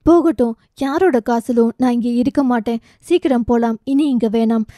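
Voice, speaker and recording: A woman's voice: a little high, normal speed, warm tone, no echo, studio quality, close to an everyday voice. A woman voicing a proud, injured young man who answers curtly and defiantly.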